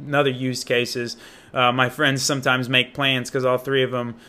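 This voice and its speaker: At normal speed, with a medium pitch that sounds pushed and bright yet flat in delivery, a young American man shows off an app. He is from Indiana, and his unscripted review is informal, slangy and enthusiastic.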